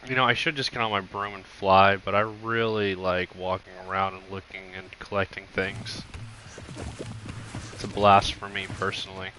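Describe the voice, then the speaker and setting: A tired man recovering from illness, talking through laid-back gameplay commentary in a deliberately monotone, subdued way. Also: low voice, slight background noise, rough recording. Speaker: gaming streamer.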